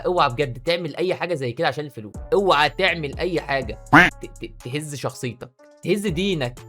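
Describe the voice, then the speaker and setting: A man with an Egyptian accent, talking excitedly in a casual commentary vlog. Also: medium pitch. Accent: Egyptian Arabic. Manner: excitable, rapid-fire talk. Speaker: YouTuber.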